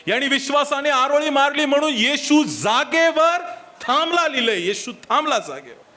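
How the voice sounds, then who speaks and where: Male pastor, sermon, high and bright voice, emphatic with rhetorical questions, slips into English for key lines. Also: expressive, normal speed. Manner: emphatic, with rhetorical questions and repeated reminders to the listeners; switches briefly into English for key points. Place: church service.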